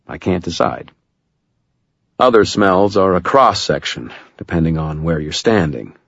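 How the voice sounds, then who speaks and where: A man's voice: sits low, animated, a little slow, fairly bright tone, slightly rough, no echo, highs cut off. A man narrating a first-person audiobook with wry, dry humor.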